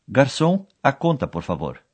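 A man's voice: medium pitch, wildly swooping pitch, unhurried, slightly rough. A man narrating a language course in scripted style, explaining each scene and repeating the key foreign words.

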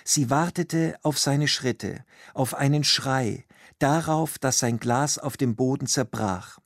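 Male narrator, very slow learner-story read, dry studio sound. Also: mid-range voice, dry recording. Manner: calm, measured.

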